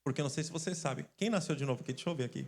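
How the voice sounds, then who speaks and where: A male pastor from Brazil preaching a lively sermon, joking and calling out to his congregation. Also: on the high side, racing. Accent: Brazilian Portuguese. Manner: lively, joking storyteller who calls out to the congregation. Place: church stage.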